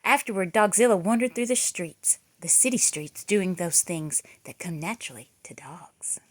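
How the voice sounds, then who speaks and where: With a voice on the low side and a moderate pace, a woman performs a children's picture book as a read-aloud, using a dramatic, theatrical storytelling style.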